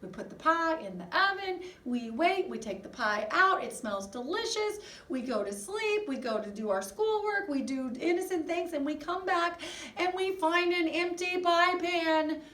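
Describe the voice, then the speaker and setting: A high, bouncy woman's voice teaching young children, swooping up and down in a playful sing-song. She takes her time over every phrase. The sound bounces around an echoey room with her standing back from the mic. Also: normal speed, far from the mic. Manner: animated, sing-song, talks to children with puppets. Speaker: music teacher. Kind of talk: online lesson for first graders.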